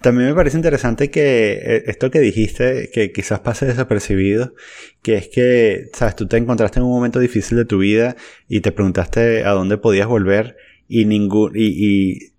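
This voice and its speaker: A man's voice: fairly low pitch, fairly even intonation, normal speed, darkish tone. A man interviewing a guest in a casual chat, asking reflective questions with hesitant restarts. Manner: reflective, hesitant, many backchannels.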